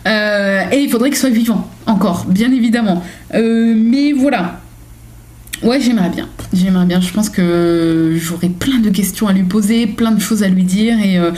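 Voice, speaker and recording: A woman's voice: medium pitch, dark tone. A young woman chatting casually on her home vlog, reading daily journal questions and answering them with lots of fillers and self-mocking asides. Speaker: vlogger.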